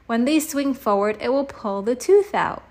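A woman's voice: on the high side, lively intonation, normal speed, a little mellow. A woman doing an eager young schoolboy.

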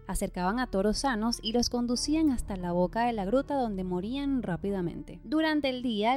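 A woman's voice: on the high side, mellow. A woman hosting a podcast, giving a scripted narration and speaking to her listeners affectionately. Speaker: podcast host.

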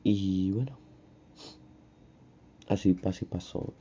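Dark-voiced Honduran guy telling a story. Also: low voice, takes it slowly, a little hiss or hum. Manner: animated, slangy, acts out his own crying. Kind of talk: casual storytime monologue. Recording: dull lo-fi recording, faint music.

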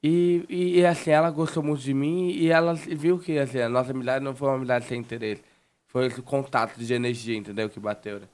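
A man's voice: medium pitch, fairly even intonation, a little fast, a little mellow. A man telling a long personal story in casual chat, rambling and restarting his sentences often. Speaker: guest.

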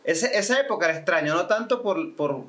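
A man's voice: high voice, lively intonation, brisk, fairly bright tone, a little hiss or hum. A man, co-hosting a casual podcast and chatting reflectively, often restarting his sentences. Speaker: podcast co-host. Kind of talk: casual chat.

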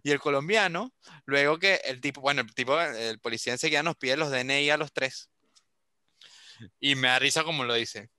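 A man's voice: mid-range voice, a little fast, pushed and bright, no room sound, clean studio sound. A young Venezuelan man telling a story in a casual chat over a video call, acting out the voices of others.

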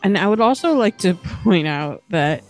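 Young woman co-host, low animated voice, skeptical and blunt. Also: normal speed, faint music behind. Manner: skeptical, laughs often, swears. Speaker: podcast co-host. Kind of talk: casual chat.

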